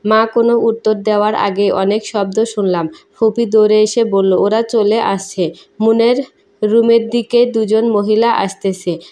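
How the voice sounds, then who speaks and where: A woman narrating a first-person emotional story in a steady, measured reading. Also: mid-range voice.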